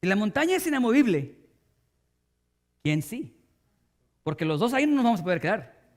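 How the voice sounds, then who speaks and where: Man preaching, high-pitched voice, emphatic delivery, talks straight to the congregation. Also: sing-song, normal speed. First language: Spanish. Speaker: pastor. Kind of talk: sermon.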